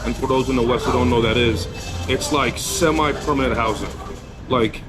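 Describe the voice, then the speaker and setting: A man from Poland speaking frankly in a casual outdoor street interview, his voice sitting at an ordinary middle pitch. He states his views bluntly and without much hedging, while clear music plays in the background. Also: a little fast. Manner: blunt, candid opinions. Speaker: interviewee, business owner.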